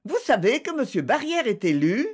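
Storybook: reader as a maid, quiet, feigned indifference. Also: big pitch swings, moderate pace, breathy edge. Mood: offhand. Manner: low, offhand.

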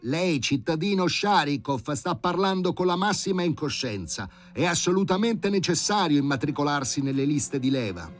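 A man's voice: a little high, lively intonation, normal speed, few pauses, pitched above the performer's own voice, close to an everyday voice. A man putting on a smug, pedantic bureaucrat. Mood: lecturing. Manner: insistent, bureaucratic and sanctimonious. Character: pedantic, smug male housing-committee official. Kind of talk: audiobook reading.

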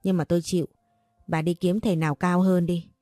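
A woman voicing a greedy, sly older male shaman who talks in a slow, knowing, wheedling way. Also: lowish voice, level tone, warm tone, no echo, studio quality, lightly acted.

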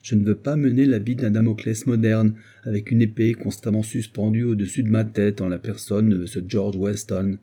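A man's voice: fairly low pitch, fairly even intonation, moderate pace, hardly any pauses, warm tone, close to an everyday voice. A man voicing a cold, selfish, scheming middle-aged man in an audiobook, speaking with firm disdain. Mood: contemptuous.

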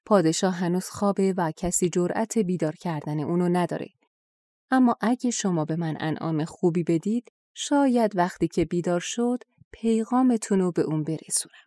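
A woman's voice: lowish voice, warm tone, no echo, studio quality, close to an everyday voice. A woman doing a rude blustering gatekeeper. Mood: wheedling. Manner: threatening, blustering. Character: rude greedy male palace gatekeeper.

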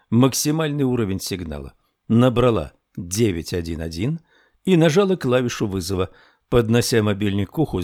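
Low-voiced man narrating an audiobook. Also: a little mellow, no echo, clean studio sound. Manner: slow, measured storytelling.

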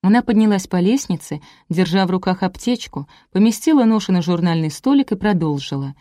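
A woman narrating a first-person audiobook in a wry, lively storytelling manner. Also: on the low side, a little fast, no echo, clean studio sound.

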